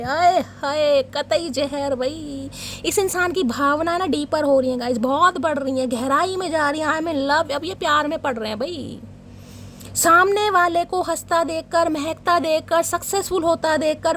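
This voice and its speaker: Here a woman with a high, somewhat bright voice reads tarot for viewers, teasing and dramatic, calling them "guys" and "darling." There's slight background noise.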